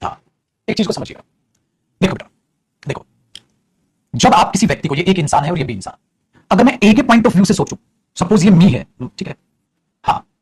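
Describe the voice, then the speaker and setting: A man's voice: high-pitched, husky, no echo. A man teaching prepositions to a class, explaining patiently and addressing students as "beta". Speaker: English teacher.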